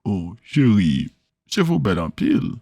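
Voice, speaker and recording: Gravelly low guy gushing over a woman, man plays him, swoopy sing-song pitch. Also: huge pitch swings, normal speed, mellow, dry recording, studio quality, full character voice. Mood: admiring. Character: admiring man complimenting a woman.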